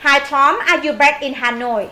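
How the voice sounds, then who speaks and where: High-voiced Vietnamese woman teaching English. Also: bright, forceful tone. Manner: brisk, drills vocabulary with repetition. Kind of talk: classroom lesson, reading aloud and translating. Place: classroom.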